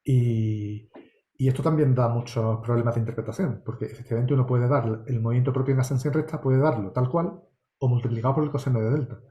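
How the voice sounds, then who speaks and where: A man's voice: mid-range voice, fairly even intonation, fast, warm tone, roomy sound. A man from Spain answering course questions as an astronomy lecturer, meticulous and explanatory, often checking in with tag questions. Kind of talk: online course Q&A.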